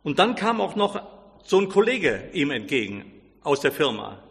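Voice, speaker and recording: A man's voice: on the high side, sing-song, normal speed, vocal fry, a bit bright, big-room sound. A man preaching, telling a story in a sermon and acting out the characters' quoted lines with feeling.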